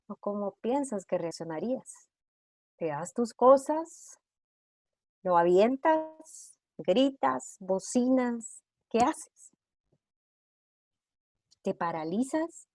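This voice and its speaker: Slow, questioning woman workshop facilitator. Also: medium pitch, expressive, mellow, no echo, clean studio sound. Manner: asks rapid rhetorical questions to the audience. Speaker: trauma-informed care workshop facilitator. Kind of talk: online workshop lesson. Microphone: video call.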